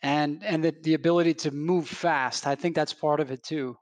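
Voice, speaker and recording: Slightly higher-voiced podcast host, dry sound. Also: male voice, normal speed, no room sound. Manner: conversational, relaxed questioning. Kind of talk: podcast interview.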